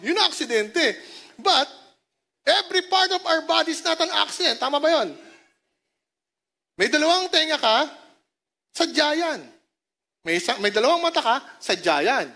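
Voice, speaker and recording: High-voiced Filipino woman preaching. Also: fairly bright tone. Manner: playful, calls out to the congregation and jokes with them; mixes languages in quick phrases. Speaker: pastor. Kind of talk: sermon to a congregation. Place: church service.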